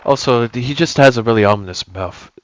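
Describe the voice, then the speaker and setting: A man's voice: mid-range voice, brisk, highs cut off, over loud music. A young man giving casual, rambling gameplay commentary, often correcting himself as he goes. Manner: rambling, self-correcting, enthusiastic. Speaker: gaming YouTuber.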